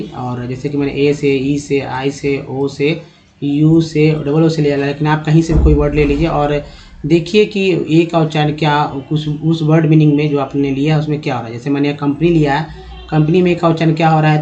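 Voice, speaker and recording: A man giving a spoken English lesson, reading each word slowly, spelling out its letters and repeating it, and often calling his viewers friends. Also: on the high side, steady tone, warm tone, muffled recording. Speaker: English teacher.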